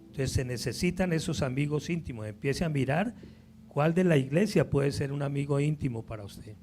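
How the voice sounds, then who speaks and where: A man's voice: on the high side, lively intonation, moderate pace, a little mellow, faint music behind. A male pastor preaching a sermon to his church, emphatic and often asking the congregation questions. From Colombia.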